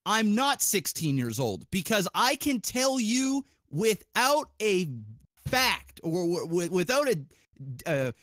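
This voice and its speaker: A podcast host with a distinctly high voice speaks slowly, casually and animatedly, rambling through arguments full of swearing and strong opinions. The recording sounds dry, with no room sound.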